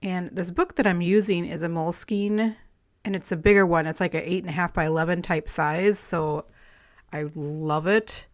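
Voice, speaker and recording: A crafting vlogger with a lowish, slightly raspy voice, still clearing her throat after an illness, rambles casually at a normal pace as she narrates her collaging. Her voice-over is relaxed and friendly, dotted with light laughs.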